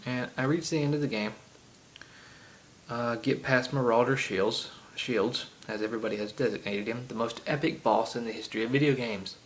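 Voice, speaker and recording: This gaming vlogger has a mid-range voice, a moderate pace, and a heavy Southern accent as he rambles through a casual game rant packed with ums and asides. The iPod camera recording is low quality, with slight background noise.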